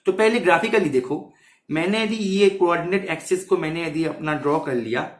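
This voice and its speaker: Speaking briskly in a slightly high voice, a man teaches maths for an exam, checking in with students and repeating his phrases as he explains. The exam-prep lecture is captured with a roomy, echoey sound.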